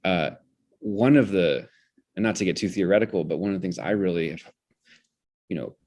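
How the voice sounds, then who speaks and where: This man's voice is low and darkish, delivered at normal speed. As a theater director being interviewed, he reflects on ideas in an articulate, intellectual manner, frequently starting his phrases over.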